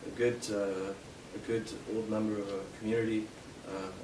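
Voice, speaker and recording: A young man from Canada giving a live poetry reading in a bookshop, hesitant with fillers between poems and steady in his verse. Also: lowish voice, normal speed. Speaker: poet. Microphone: distant from the mic. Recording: roomy, distant, noisy live room sound.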